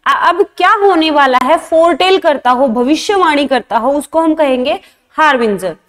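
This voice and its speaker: A woman's voice: sits high, expressive, normal speed, fairly bright tone, in a large hall. A woman teaching a vocabulary lesson, explaining English words in Hindi and repeating each term.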